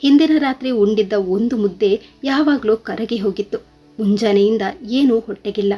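A woman reading a scripted story aloud in a steady, earnest way. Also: fairly high pitch, moderate pace, breathy edge, soft background music.

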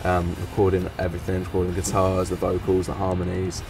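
A young man with a London accent, casually recounting his band's first days in a relaxed, rambling way full of fillers. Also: low voice, quick pace, far from the mic, music in the background. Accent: London English. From England. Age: young adult. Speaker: band member. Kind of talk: casual recap interview. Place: outdoor garden seat in warm sun.

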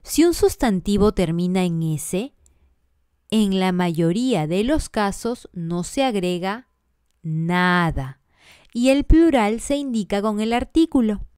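A woman gives a grammar lesson at an unhurried, measured pace, listing examples one by one. Her voice is smooth and resonant, recorded close and dry with no room sound. Her pitch sits in a middle range. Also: expressive, a little mellow, no room sound. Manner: deliberate, spells out letters and lists examples one by one. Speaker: teacher. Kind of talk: slow scripted grammar lesson.

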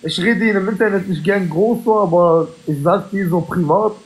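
A man's voice: high voice, normal speed, low-quality recording. A man in casual livestream chat, speaking in slang with plenty of filler words and Arabic oaths. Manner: slangy, repeatedly saying bro, like and Arabic oaths.

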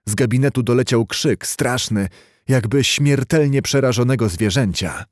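Male audiobook narrator, measured delivery, dry close sound. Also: medium pitch, no room sound. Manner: measured, storytelling. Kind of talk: scripted literary narration.

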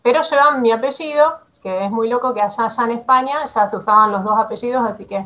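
A woman's voice: fairly high pitch, fast, sharp tone. A woman in her forties with an Argentine Spanish accent from Rosario, speaking as a climate activist guest over a webcam video call, with many fillers, restarts and little laughs. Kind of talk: casual interview answers. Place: small room at home.

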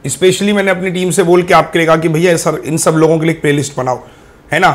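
A man's voice: fairly high pitch, fairly even intonation, quick pace. Chatty man teaching maths online. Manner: chatty, coaxing students, counts items aloud. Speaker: maths teacher for bank exams. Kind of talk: online exam-prep class.

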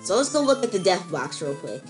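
A young woman commentating her own gameplay, ranting in exasperation and jumping up to squealing high notes. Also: sing-song, a little fast, darkish tone, faint music behind. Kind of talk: let's-play commentary.

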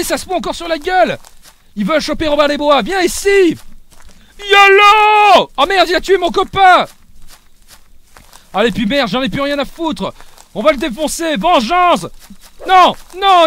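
A young man streaming a survival game live, swinging between loud yelling and low muttering and swearing a lot. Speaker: gaming streamer.

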